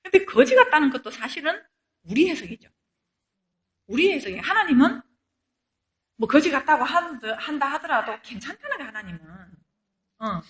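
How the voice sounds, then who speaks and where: A woman's voice: high-pitched, big pitch swings, fairly quick. A middle-aged woman giving a Bible lecture, conversational, asking rhetorical questions and acting out quoted inner voices.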